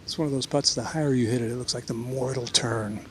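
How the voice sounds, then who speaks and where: A man's voice: mid-range voice, fairly even intonation, fast talker. A man giving analytical golf commentary, explaining as a golf commentator. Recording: clear outdoor background noise.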